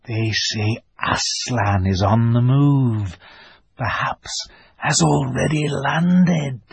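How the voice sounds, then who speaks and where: A man voicing a secretive male beaver in a storybook reading, with a hoarse, throaty whisper, hushed and slow. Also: medium pitch, big pitch swings, no echo, voice pushed up, full character voice. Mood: confiding.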